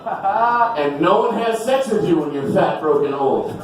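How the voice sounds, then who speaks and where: A male stand-up comedian rambling through a self-deprecating set, sweating heavily, with bursts of shouted high voices. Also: animated, measured pace, far from the mic, noisy background. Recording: echoey venue mic heard from afar with crowd. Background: audience.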